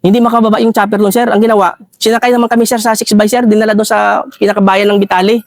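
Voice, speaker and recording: A man with a Filipino accent recounting a war story in an interview, halting and repeatedly addressing the listener as sir. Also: sits high, little pitch movement, no room sound. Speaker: retired army ranger scout.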